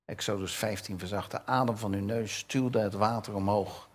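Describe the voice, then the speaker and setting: Husky older man preaching a sermon. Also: fairly low pitch, steady tone, moderate pace. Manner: conversational, asks the audience questions; reads scripture with raised voice.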